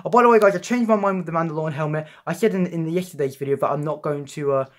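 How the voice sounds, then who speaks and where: A young man chatting casually as he reviews a collectible figure, excitable and rambling with frequent restarts. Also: on the high side, very fast. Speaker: toy reviewer. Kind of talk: casual unboxing vlog.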